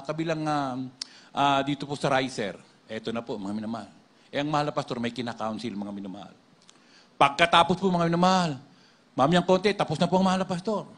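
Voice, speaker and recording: Guy with a pretty high voice telling his church testimony, emphatic, keeps calling out to the congregation. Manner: emphatic, repeatedly addresses the congregation as "beloved". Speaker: church member giving testimony.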